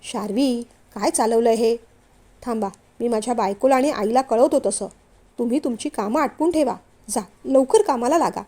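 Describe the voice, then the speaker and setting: A woman voicing a polite, gentle young man who is a company director, in a storybook reading. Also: on the high side, normal speed, natural voice.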